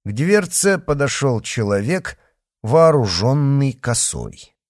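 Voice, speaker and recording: A man narrating an adventure novel in an expressive, storytelling way. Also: mid-range voice, takes it slowly, no room sound, studio quality. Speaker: audiobook narrator. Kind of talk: scripted narration.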